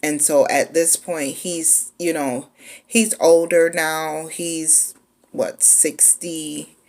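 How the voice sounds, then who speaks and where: Low gravelly woman in her 40s, slow laid-back storytime chat. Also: level tone, a little mellow. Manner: laid-back, chatty, with frequent "um" pauses. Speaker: vlogger. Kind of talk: casual storytime.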